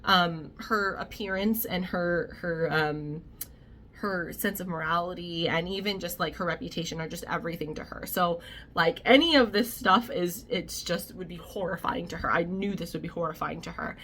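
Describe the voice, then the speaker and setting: Young woman, lowish pitch, bright tone, chatty storytime delivery full of fillers and restarts. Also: normal speed, a little hiss or hum. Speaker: vlogger. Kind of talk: casual storytime.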